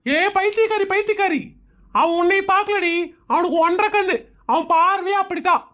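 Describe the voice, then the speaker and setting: An exasperated cartoon husband, forever scolding his reckless wife, voiced by a woman. The voice is pitched very high for a man, and he nags in a weary, exasperated tone. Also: brisk, fairly bright tone. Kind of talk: animated comedy cartoon voicing.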